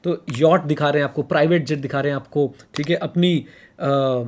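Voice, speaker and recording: A man's voice: fairly high pitch, fairly even intonation, moderate pace, a little hiss or hum. A man co-hosting a podcast in casual talk, emphatic, repeating his points and mixing in English phrases. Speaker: podcast co-host.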